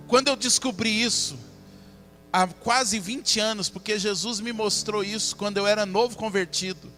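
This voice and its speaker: Impassioned pastor preaching. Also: male voice, sits high, sharp tone. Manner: impassioned preaching, acting out his own prayers. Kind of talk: sermon.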